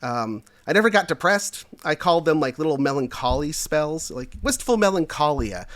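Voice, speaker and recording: A man's voice: a little high, lively intonation, moderate pace, fairly bright tone, slight background noise. Thirty-something man telling a story. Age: 30s. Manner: rambling, filler-heavy storytelling. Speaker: guest. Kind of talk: casual podcast conversation.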